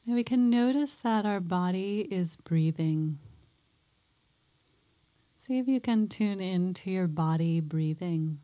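A woman guiding a mindfulness meditation in a soft, gentle way, pausing often between phrases. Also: on the low side, expressive. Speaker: meditation teacher.

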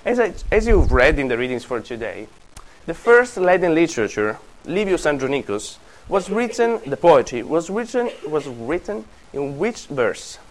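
A man's voice: on the high side, big pitch swings, moderate pace, low-quality recording. A man giving a university lecture, thinking aloud and correcting himself as he explains. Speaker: classics lecturer.

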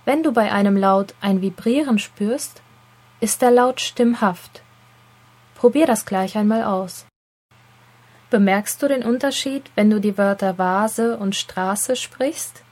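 A woman reads a scripted lesson, her delivery clear and deliberate. She addresses the listener directly as she explains, at a middle pitch for a woman. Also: darkish tone. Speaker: teacher. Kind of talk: scripted educational narration.

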